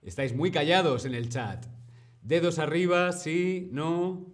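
A man teaching a live-streamed Spanish lesson, repeating phrases slowly for learners and greeting viewers in the chat, a little sore in the throat. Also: on the high side.

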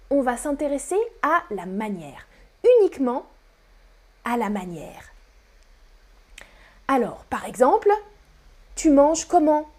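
Woman teacher on a stream, slow n careful, kinda high voice, repeats stuff a lot. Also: mellow. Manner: slow, deliberate teaching with repetition; whispers on purpose as a demonstration. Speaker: French teacher. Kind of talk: live-streamed grammar lesson.

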